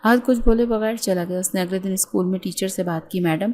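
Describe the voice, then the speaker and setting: A woman narrating a novel in a steady, even storytelling read. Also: mid-range voice, slight background noise.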